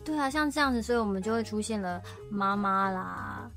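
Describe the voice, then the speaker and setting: With music playing behind, a young radio drama co-host and voice actor talks casually about her show, laughing often in a giggly, chatty way. Her medium-pitched voice is a bit bright, with lively intonation and a slightly fast pace.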